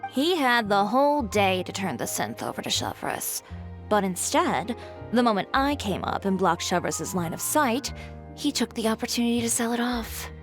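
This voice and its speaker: An actress playing a brisk, practical young woman on a film crew in a game, with a teasing edge. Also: fairly high pitch, very animated, faint music behind.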